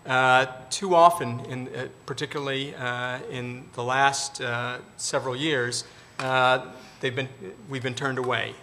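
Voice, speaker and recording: A man, a government official on a panel, giving measured, formal answers about policy. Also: medium pitch, steady tone, bright, forceful tone.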